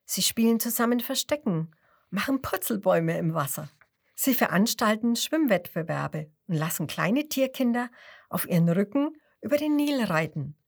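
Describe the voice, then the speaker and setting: A woman reading a children's story aloud to a child, slow and expressive, sometimes dropping to a whisper. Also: medium pitch, gravelly.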